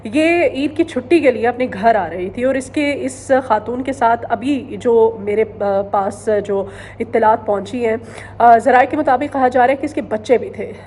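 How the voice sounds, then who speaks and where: A woman from Pakistan giving earnest current-affairs news commentary, pausing often on hesitant fillers and repeating phrases for emphasis. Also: fairly high pitch, a little mellow.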